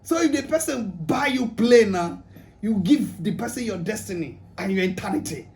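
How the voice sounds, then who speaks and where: Nigerian man, very high-pitched, comic speaker, pidgin-laced relationship advice. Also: lively intonation, normal speed, darkish tone. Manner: humorous, mixes pidgin, acts out quotes. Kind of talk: lively relationship talk to an audience.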